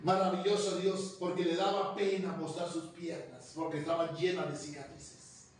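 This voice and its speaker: A man's voice: a little high, flat delivery, normal speed, a little hiss or hum. A man preaching a sermon in a church, emphatic and rhythmic, drawing out his phrases. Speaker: pastor. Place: church hall. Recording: very echoey hall, voice far from mic.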